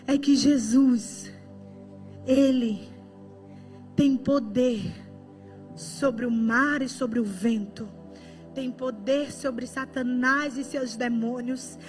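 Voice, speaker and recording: A woman's voice: sits high, a little mellow. A woman preacher giving a fervent, emotional sermon, her voice often breaking with tears.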